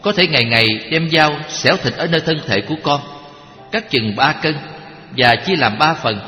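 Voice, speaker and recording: A man voicing a devoted, self-sacrificing young prince in a gentle, earnest recitation. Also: a little high, expressive, moderate pace. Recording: echoey hall with faint music.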